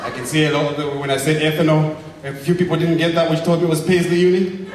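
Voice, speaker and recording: A young man from Zambia, doing an energetic, rabble-rousing stand-up comedy set and shouting his punchlines. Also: a little high, fast talker, heavy reverb, in a large hall, far from the mic, a little hiss or hum, poor audio. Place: comedy club stage. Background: audience laughter.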